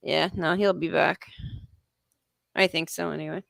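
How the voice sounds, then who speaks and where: A woman's voice: low-pitched, fairly even intonation, unhurried, creaky, fairly bright tone, no room sound, clean studio sound. A woman co-hosting a livestream, making blunt, wry remarks in casual chat. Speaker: livestream co-host.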